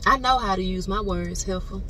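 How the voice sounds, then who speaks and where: A woman's voice: mid-range voice, normal speed. A young woman, chatting straight to her viewers in a casual vlog. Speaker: vlogger. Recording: far from the mic with loud background noise.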